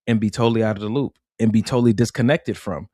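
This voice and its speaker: A man co-hosting a casual relationship podcast, speaking in a reflective, measured way and stretching words for emphasis. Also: lowish voice, steady tone, mellow, dry recording, clean studio sound. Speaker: podcast co-host.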